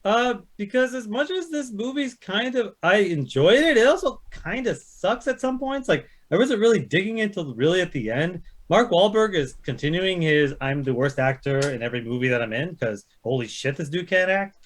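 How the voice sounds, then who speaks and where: A man with a high-pitched, expressive voice talks movies as a chat-show panelist ranking films, keeping a moderate pace with few pauses. His take is blunt, heavily profane and ranting, though the chat itself is casual.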